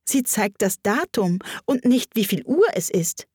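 A woman's voice: medium pitch, lively intonation, unhurried, husky, no room sound, clean studio sound. A woman voicing a curious, polite young girl in a storybook reading, with a raised, eager tone. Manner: eager, raised, bright girlish voice.

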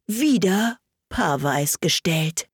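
A mournful, weepy turtle creature drawls each word slowly and sorrowfully, sitting a little lower than a usual talking voice, as a woman puts it on. The sound is dry and close, with a slightly husky edge. It is a storybook figure that feels heavy with sadness. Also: expressive, no room sound, full character voice. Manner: slow, sighing, low and sorrowful.

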